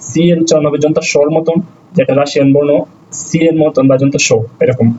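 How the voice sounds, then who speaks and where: A man teaching a beginner's language lesson step by step, slowly spelling out letters and repeating each sound several times. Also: a little high, little pitch movement, mellow, highs cut off, slight background noise.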